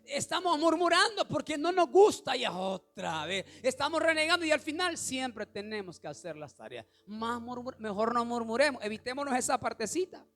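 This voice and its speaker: High-voiced preaching man, animated. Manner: animated preaching, rising to shouts, asks the congregation questions. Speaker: pastor. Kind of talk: sermon.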